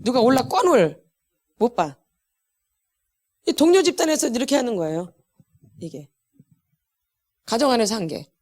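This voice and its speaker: A middle-aged woman teaching a church healing class, with an animated, emphatic delivery that repeats words for stress and laughs between lines. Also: fairly high pitch, normal speed, long pauses. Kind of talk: church lecture.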